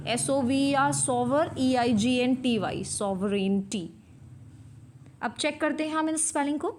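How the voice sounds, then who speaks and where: A woman's voice: on the high side, darkish tone. A woman teacher giving a spelling lesson, spelling words out letter by letter and repeating them. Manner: repeats key words and checks understanding. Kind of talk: spelling lesson, mixing English terms into Hindi.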